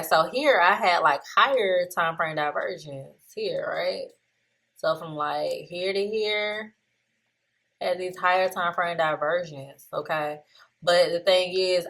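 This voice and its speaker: A young woman walks through her trades in a relaxed screen-share recap. She talks loosely and chattily into a desktop mic and laughs at her own slips. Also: low voice.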